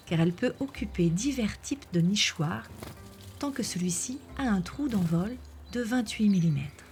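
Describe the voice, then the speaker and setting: A woman reading scripted nature documentary narration in a measured, explanatory way. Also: medium pitch, a little mellow. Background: background music.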